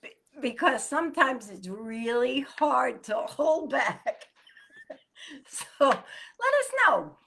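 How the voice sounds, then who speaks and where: A woman's voice: sits high, very animated, slow, creaky, fairly bright tone, slightly rough. A woman co-hosting a casual morning chat show, talking in a chatty, loose way and laughing often.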